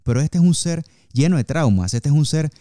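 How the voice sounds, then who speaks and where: A man's voice: fairly high pitch, lively intonation, a little fast, dark tone, dry recording, studio quality. A man hosting a podcast and interviewing a guest, speaking fluently and explaining at length. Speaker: podcast host, former wrestler. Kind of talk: conversational interview.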